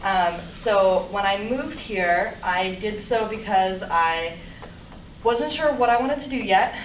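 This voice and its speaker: Woman, young adult, Russia-born, measured casual intro; recorded far from the mic. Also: medium pitch, expressive. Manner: thoughtful, measured with fillers. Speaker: AmeriCorps volunteer. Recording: echoey room, distant mic, light noise.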